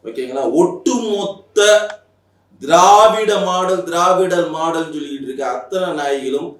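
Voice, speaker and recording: A man delivers a fierce, mocking political rant with heavy emphasis. His voice sits a little high and comes from some way off the mic. The room around him rings with echo. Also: normal speed, far from the mic. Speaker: political commentator. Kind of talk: heated political rant to camera.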